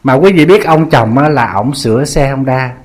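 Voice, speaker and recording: Nhà sư giọng miền Nam kể chuyện dí dỏm. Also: male voice, medium pitch, moderate pace. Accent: Southern Vietnamese. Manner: lively, teasing, anecdotal. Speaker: Buddhist monk. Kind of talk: humorous sermon storytelling.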